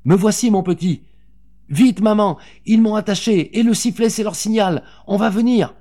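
A man's voice: medium pitch, animated, unhurried, mellow, voice pushed up. A man reading an audiobook, voicing a frightened, loving young boy in a raised, pleading voice. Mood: urgent.

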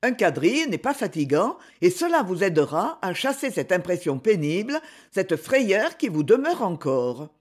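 A reader voicing Lord Gérald, a proud and gallant young nobleman, speaking in a courteous, measured way in a storybook reading. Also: medium pitch, big pitch swings. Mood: reassuring.

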